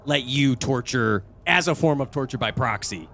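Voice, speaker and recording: A man voicing a petty, mocking devil who runs hell in an improvised comedy podcast, with a gravelly, teasing delivery. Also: medium pitch, moderate pace, fairly bright tone, slight background noise, lightly acted. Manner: teasing, belittling. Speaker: host.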